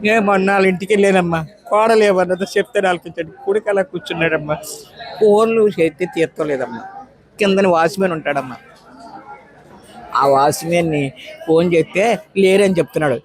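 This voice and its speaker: A woman in her nineties, an elderly petitioner, gives a long, pleading, emotional account of her grievances in an interview. Her voice sits on the low side, and she speaks briskly with frequent pauses.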